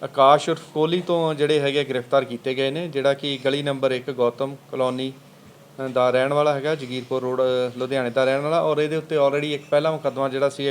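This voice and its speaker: A police officer fields questions from the press at a quick clip. His voice sits at a middling pitch for a man. He rambles, packing his answers with fillers and official terms, over a faint hum of background noise. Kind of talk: press briefing answering reporters.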